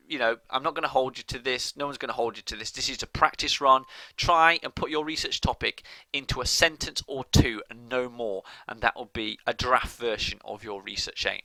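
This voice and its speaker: Male lecturer, very bright tone, dry close sound, explanatory with frequent restarts. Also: mid-range voice, no room sound, low-quality recording. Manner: explanatory, repeats and restarts phrases, checks with "okay?". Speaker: college lecturer. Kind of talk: recorded lecture.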